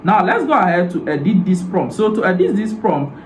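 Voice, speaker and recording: A man hosting a software tutorial, explaining each step plainly and often starting with "so" and "now". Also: sits high, big pitch swings, brisk, faint music behind. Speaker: tutorial host. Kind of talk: screen-recorded software tutorial. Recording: roomy echo, faint ambient noise.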